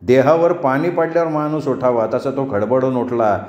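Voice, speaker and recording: A man's voice: mid-range voice, fairly even intonation, moderate pace, a little mellow, dull audio. A man narrating a rural novel expressively, with colorful village idioms. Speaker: storyteller. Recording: roomy echo.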